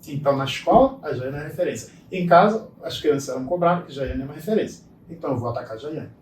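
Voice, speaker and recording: A man's voice: a little high, fast talker. A middle-aged man, a guest speaker, telling stories in conversation and acting out the dialogue. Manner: animated storyteller, acts out dialogue. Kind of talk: storytelling conversation. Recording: echoey room, distant mic, faint noise.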